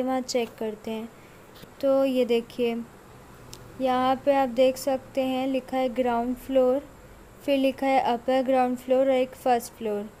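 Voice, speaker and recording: A woman's voice: high voice, warm tone, a little hiss or hum, rough recording. A young woman vlogger giving a casual walking tour of a large indoor mall, filming on a handheld phone and pointing things out again and again.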